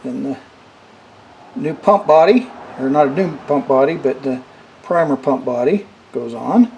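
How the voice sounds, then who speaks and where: A middle-aged man giving a casual hands-on tutorial as he works, halting and unhurried, in a workshop with rain on a tin roof. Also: medium pitch, lively intonation, creaky, a little mellow. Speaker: repair demonstrator. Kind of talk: hands-on tutorial, casual talk while working. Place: workshop with metal roof, indoors. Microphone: camera over the workbench. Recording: noisy shop, rain on metal roof. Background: rain drumming on tin roof.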